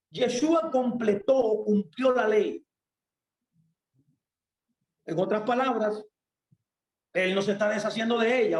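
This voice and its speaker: A man preaching a sermon with a rather high voice that rings through an echoey room. He speaks emphatically and often asks himself questions that he then answers.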